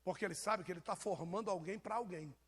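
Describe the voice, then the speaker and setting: A man's voice: sits high, fast, a bit bright, breathy edge. A man with a Brazilian accent, preaching an informal sermon and joking with members of his congregation. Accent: Brazilian Portuguese. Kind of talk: informal sermon to a live church.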